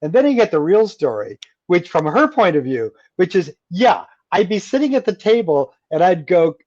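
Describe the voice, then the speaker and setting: Lively higher-voiced man, dry lo-fi sound. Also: normal speed, dry recording. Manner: animated, acts out quoted voices while telling stories. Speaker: guest author. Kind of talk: radio interview conversation.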